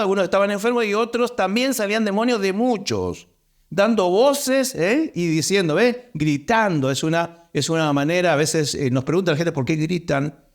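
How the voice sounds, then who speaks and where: Man, pastor, Rioplatense accent, sermon, emphatic repetition, raised pitch. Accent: Rioplatense Spanish. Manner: emphatic, repeating key words for stress.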